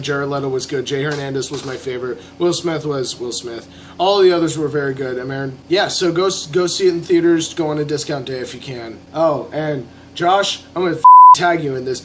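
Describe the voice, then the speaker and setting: A man's voice: on the high side, heavy background noise. A tipsy man giving a casual, opinionated video review, rambling with false starts and blunt, emphatic swearing. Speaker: amateur film reviewer.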